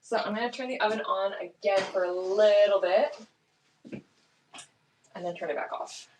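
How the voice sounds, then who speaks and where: A woman's voice: mid-range voice, normal speed, a little mellow, a little hiss or hum. Woman, rambling cooking chat, home kitchen, tripod camera, clicking and clatter behind her. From Canada. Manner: chatty, rambling, self-correcting. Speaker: cooking streamer. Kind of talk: casual chat while cooking.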